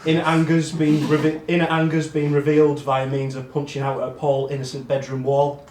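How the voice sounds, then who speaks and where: A man giving a self-deprecating speech to his friends in a monotone voice, with frequent ums. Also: a little high, moderate pace. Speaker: award speech giver among friends. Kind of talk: casual speech read to friends. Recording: echoey room with faint noise.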